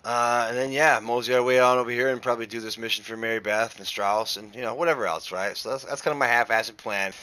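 A man's voice: mid-range voice, steady tone, fast talker, hardly any pauses, pushed and bright, clear, resonant tone. A middle-aged man hosting a gaming channel, giving rambling, casual gameplay commentary with mild swearing. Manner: rambling, casual, mildly profane.

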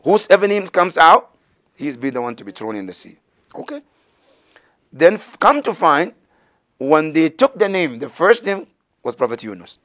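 A man's voice: a little high, big pitch swings, normal speed, long pauses, fairly bright tone. A middle-aged man telling a religious story as a teacher, gesturing and acting out the voices of the people in it, in a small indoor studio on a lapel mic. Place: studio set with banners, indoors.

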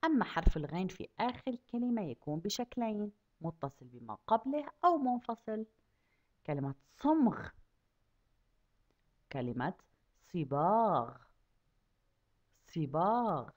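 A woman teaching a kindergarten class, asking the children questions and drawing out each word slowly so they can repeat it. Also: mid-range voice, very animated, a little mellow, muffled recording. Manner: asks children questions and stretches out words slowly to model them. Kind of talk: lesson for young children.

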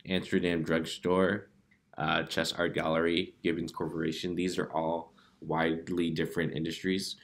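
A man presenting a data analytics dashboard demo in a relaxed way, with frequent fillers. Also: a bass voice, creaky. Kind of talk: casual software demo walkthrough.

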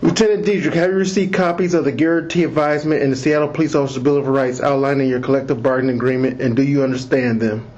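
A man's voice: medium pitch, fairly even intonation, a little mellow. Man reading an interview script on tape. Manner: slow, deliberate, measured reading. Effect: interview taped on an audio recorder, like an interrogation tape. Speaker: police lieutenant conducting an internal investigation interview. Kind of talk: formal official interview, reading set admonitions. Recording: muffled lo-fi interview recorder audio with faint hiss.

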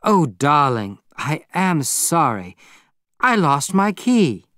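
A man's voice: on the high side, big pitch swings, slow, a bit bright, no echo, studio quality, pitched above the performer's own voice, full character voice. A man voicing a silly, amused young woman who is a little drunk, breezy and coaxing, calling people darling in an audiobook. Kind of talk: audiobook character voice.

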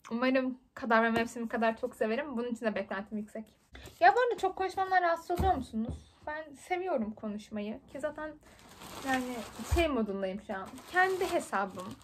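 A woman in her twenties chatting very fast and excitably while unboxing books for her vlog. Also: sits high, slight background noise. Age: 20s. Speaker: book vlogger. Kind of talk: casual unboxing chat.

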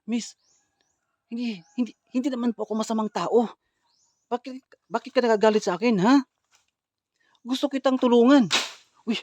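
A man filming a ghost-hunting vlog outdoors in a forest. He talks to his viewers in low, hushed asides and calls out loudly and urgently. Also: fairly even intonation, a little fast, pauses often. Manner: low hushed asides to the camera, then loud urgent calling out. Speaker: ghost hunter vlogger. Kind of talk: live walkthrough vlog addressed to viewers.

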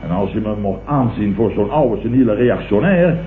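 A male actor with a lowish voice, lightly acting at normal speed, voices a self-important Dutch boss in vintage 1960s-70s radio comedy. The character, a pompous middle-aged Netherlands businessman who has opportunistically gone leftist, declaims indignantly and self-righteously with very lively intonation and repeated sputtering interjections. The old recording sounds tinny, echoey and hissy.

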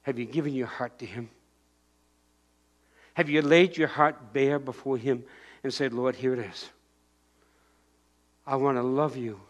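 In a church sanctuary, an older male pastor delivers an animated sermon in a medium-pitched voice that runs a little slow with frequent pauses. He walks around, bursts into louder passages, points, and shouts the lines of an imagined crowd.

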